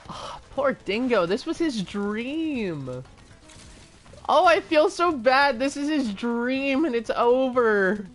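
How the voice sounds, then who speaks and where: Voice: high voice, expressive, slow pace, faint music behind. A gaming streamer in casual live-stream commentary, rambling and chatty, drifting into tangents and restarts.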